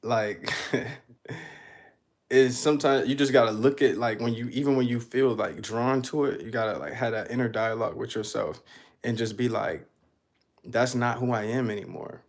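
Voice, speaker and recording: A man's voice: medium pitch, normal speed. A young man musing aloud in a casual, reflective monologue, loose and full of fillers. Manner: laid-back, loose, full of fillers like "you know what I'm saying". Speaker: artist talking about his life.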